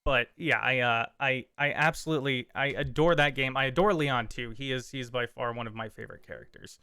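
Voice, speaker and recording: A man's voice: medium pitch, fairly quick, sharp tone, clean tone, no room sound. A man co-hosting a casual podcast, rambling and enthusiastic, with dry sarcasm. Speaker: podcast co-host. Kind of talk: casual chat.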